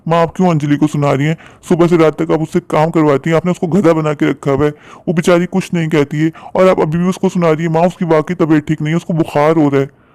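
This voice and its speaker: A man's voice: on the high side, fairly even intonation, fast, darkish tone, dry recording, close to an everyday voice. A man playing a curt, bossy young husband. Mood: pleading. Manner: curt, lecturing, ordering. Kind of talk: cartoon story voice acting.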